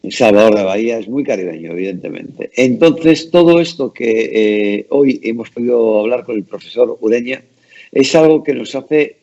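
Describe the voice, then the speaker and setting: A man's voice: mid-range voice, lively intonation, moderate pace, dark tone, highs cut off. A man hosting a conversational interview in a courteous, formal and wordy way. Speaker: interview host.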